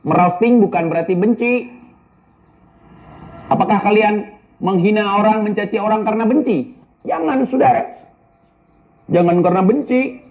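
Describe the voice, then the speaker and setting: A man's voice: high voice, moderate pace, pauses often. A man giving casual spoken commentary and answering viewer questions, blunt and scolding, full of rhetorical questions. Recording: tinny phone-like audio.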